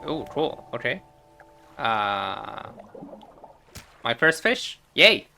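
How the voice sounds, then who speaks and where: A man playing a game and chatting excitedly, reading on-screen text aloud as he goes. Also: medium pitch, extremely slow, gravelly, faint music behind. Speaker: gaming streamer. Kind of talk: casual let's-play commentary.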